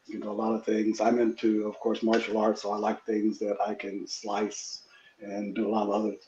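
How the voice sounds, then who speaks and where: A man's voice: fairly low pitch, monotone, fairly quick. A man hosting a casual chat, talking easygoing with many fillers. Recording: roomy, dull, noisy line.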